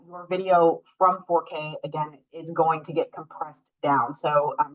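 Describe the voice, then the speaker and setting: A woman's voice: sits low, a bit bright. A woman teaching an online class over a group voice call, explaining step by step with many filler ums. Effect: heard over an online group voice call. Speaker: workshop instructor. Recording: dull lo-fi call audio.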